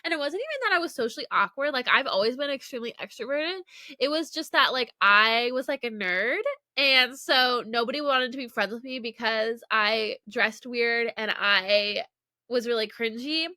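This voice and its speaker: A young woman chats through her solo podcast in a bright, fairly high voice, stuffy and congested from a cold. She rambles from tangent to tangent with a constant "like". The sound is close and dry. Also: lively intonation, moderate pace, no echo. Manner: chatty, rambling, heavy use of "like". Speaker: podcast host. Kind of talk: casual solo podcast chat. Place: her childhood bedroom.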